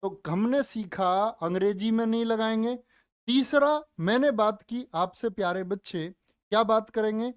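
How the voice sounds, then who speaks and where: A man's voice: high voice, moderate pace, smooth, dry recording, clean studio sound. A man teaching a live online Hindi exam-prep class, coaxing his students, calling them dear children and brother, and asking questions that he answers himself.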